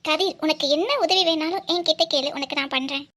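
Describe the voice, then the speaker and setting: A woman's voice: high-pitched, brisk, sharp tone. A woman voicing a cheerful, stubborn young woman in love in a cartoon, speaking playfully. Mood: teasing. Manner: playful, teasing. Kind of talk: cartoon voice acting.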